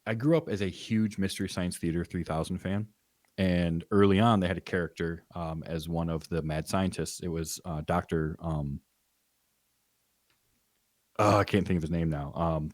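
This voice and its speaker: A man talking as a podcast guest, rambling and animated as he tells stories. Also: low voice, moderate pace, no echo, clean studio sound. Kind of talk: casual chat.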